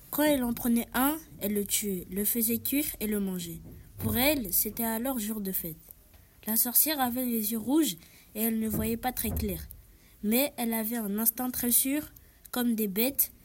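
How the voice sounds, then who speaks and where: A woman reading a fairy tale aloud in a measured storytelling manner. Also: fairly high pitch, darkish tone, slight background noise.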